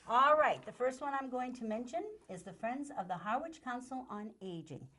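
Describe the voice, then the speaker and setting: A woman's voice: fairly high pitch, lively intonation, normal speed, pushed and bright. An older woman co-hosting a community show, chatting and reading out local announcements. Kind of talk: casual chat and reading announcements.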